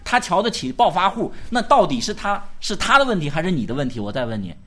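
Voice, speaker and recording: A male pastor preaching at a church gathering, firing rhetorical questions at his listeners and urging them to answer out loud. His voice is a little high and swings up and down widely, in an animated, pressing delivery. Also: fast. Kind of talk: sermon.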